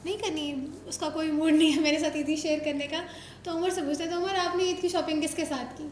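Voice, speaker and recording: Chatting with kids as a show host, this Pakistani woman is playful and coaxing, teasing them with questions. Her high-pitched voice holds a steady tone at a slightly fast pace. There's slight background noise and a roomy echo in the recording.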